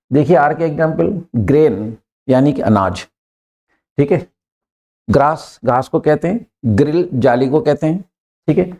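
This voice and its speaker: A man teaching English pronunciation in a patient lesson, repeating key points and checking in with "clear?" and "right?". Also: mid-range voice, warm tone. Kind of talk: explanatory lesson mixing Hindi and English.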